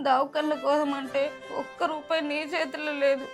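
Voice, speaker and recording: A woman's voice: sits high, little pitch movement, moderate pace, over music. A woman playing a tearful pregnant young wife with a Telangana accent. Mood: crying. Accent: Telangana Telugu. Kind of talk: village short film acting.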